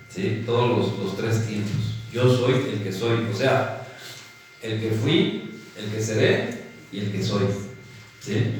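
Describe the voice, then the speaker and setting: Slow Mexican preacher in an echoey hall. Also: male voice, medium pitch, slight background noise. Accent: Mexican Spanish. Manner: keeps checking with listeners by asking "¿sí?"; calls the congregation "hermanitos". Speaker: pastor. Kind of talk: teaching sermon. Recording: echoey hall from a distant mic, faint ambience.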